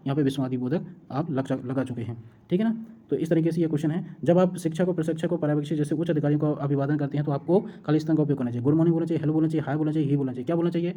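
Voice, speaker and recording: A woman tutor works through exam questions at a brisk, rapid clip. Her voice is dark and mellow. She asks each question aloud, answers it herself, and keeps checking that her students follow. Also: sits low. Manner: repeats her own questions, then answers them; checks in with "है ना" often.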